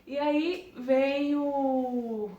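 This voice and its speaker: A woman's voice: high voice, fairly even intonation, extremely slow, warm tone, roomy sound, recorded from a distance, muffled recording. A young woman with a Brazilian Portuguese accent, telling a personal story to her vlog camera in an earnest way, in short broken phrases. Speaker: parenting vlogger.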